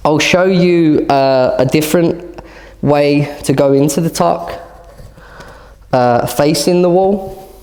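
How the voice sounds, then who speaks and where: A man's voice: on the high side, slow pace, pauses often, darkish tone, big-room sound. A man guiding a fitness class through handstand conditioning, cueing moves while demonstrating and sometimes out of breath. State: out of breath at times. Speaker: fitness instructor.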